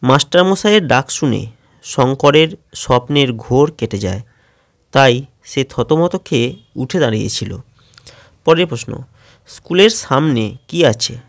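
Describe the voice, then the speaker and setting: A man teaching schoolchildren in a steady question-and-answer lesson, announcing each question and then answering it, with a Bengali accent. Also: mid-range voice, unhurried, pauses often, no echo, studio quality.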